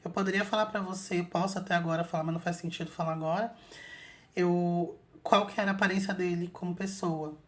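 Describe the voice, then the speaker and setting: A channel host with a fairly low, steady voice speaks at a quick pace. Chatting casually with her audience, she recounts an astral projection experience full of filler words.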